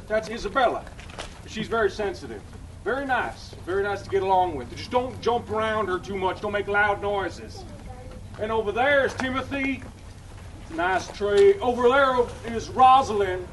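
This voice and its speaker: A man's voice: high voice, natural voice. A man playing an eccentric old backwoods hermit who talks to trees, rambling and chuckling in a folksy way, recorded outdoors. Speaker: costumed character performer with visitors. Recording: outdoor noise with passing traffic.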